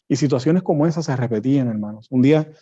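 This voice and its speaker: A man's voice: mid-range voice, fast talker, mellow, highs cut off. A middle-aged man from Puerto Rico with a Puerto Rican accent, telling a personal testimony in a sermon and acting out the dialogue. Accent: Puerto Rican Spanish. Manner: storytelling, acting out quoted dialogue. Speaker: guest preacher.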